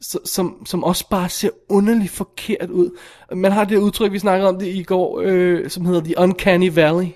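High-voiced exasperated man reviewing a film. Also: few pauses. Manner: animated, exasperated. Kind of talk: casual film review chat.

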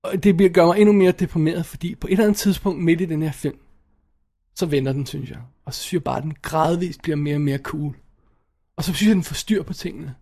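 A man giving blunt, animated opinions in a casual podcast chat, swearing now and then and often restarting his sentences. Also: on the high side. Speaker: podcast co-host reviewing films.

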